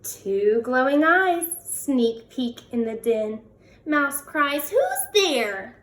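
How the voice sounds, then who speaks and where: Lady reading a kids picture book, high lively voice, kinda far from the mic. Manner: expressive, drawn-out words, asks listeners questions. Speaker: children's read-aloud host. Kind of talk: animated picture book read-aloud for young children. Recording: roomy echo, distant from the mic.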